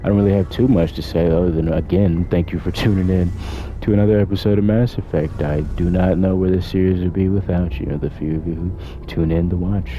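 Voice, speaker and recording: A man giving low-key, casual video game commentary with hesitant phrasing. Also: steady tone, fairly quick, highs cut off, slight background noise.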